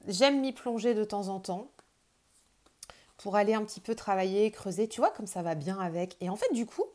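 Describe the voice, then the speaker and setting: A woman's voice: medium pitch, lively intonation, moderate pace, dark tone. Woman, French accent, casual chat, hesitant, restarts often. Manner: chatty, hesitant, many fillers and restarts. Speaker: tarot video host. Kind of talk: casual chat showing tarot decks.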